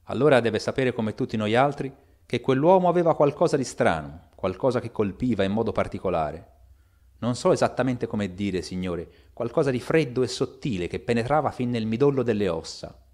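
A loyal, frightened old butler, read by a man in an audiobook. He speaks with urgency and a pleading tone, his voice rising when he insists. The pitch sits in an ordinary middle male range. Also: expressive, brisk, darkish tone, lightly acted. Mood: earnest.

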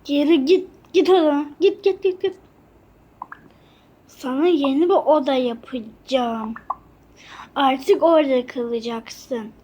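A woman's voice: sits high, slow, a little mellow, slightly rough, highs cut off, pitched below the performer's own voice, exaggerated voice. A woman voicing a cruel, bossy stepmother who barks harsh, mocking orders in a game role-play.

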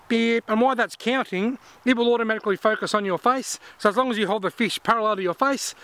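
Man in his forties, high voice, chatty gear-review vlogger, outdoor, camera mic. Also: a bit bright. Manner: chatty, explains step by step, stresses words. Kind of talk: casual product review to camera. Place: outdoors in grassy bushland. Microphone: camera-mounted shotgun mic.

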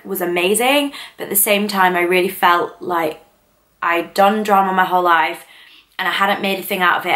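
A woman's voice: lowish voice, sharp tone. A woman in her twenties from northern England, chatting casually and rambling to camera in a vlog, full of fillers. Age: 20s. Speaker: vlogger.

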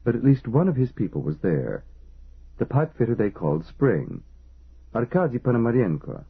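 A man reading an audiobook as narrator, in measured, lively storytelling. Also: mid-range voice, vocal fry, slightly rough. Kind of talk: scripted narration. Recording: tinny phone-like band.

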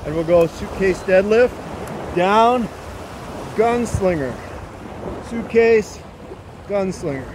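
A man coaching exercise like an aerobics instructor, giving short brisk commands, counts and encouragement outdoors. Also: sits high, lively intonation. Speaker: fitness coach leading a workout. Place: outdoors on an open sandy beach by the water. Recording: noisy outdoor recording with surf and wind.

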